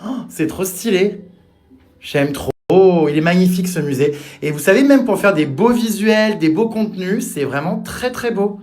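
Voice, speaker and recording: An exuberant man hosting a vlog, with a high voice that swings widely in pitch. He fills his excited commentary with theatrical exclamations as he walks through indoor museum rooms. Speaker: vlog host.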